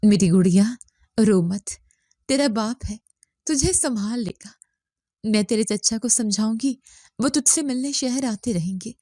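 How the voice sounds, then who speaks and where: A woman's voice: on the high side, expressive, long pauses, no echo, clean studio sound. A woman voicing a kind village aunt who pleads through tears. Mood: pleading. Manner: pleading, tearful.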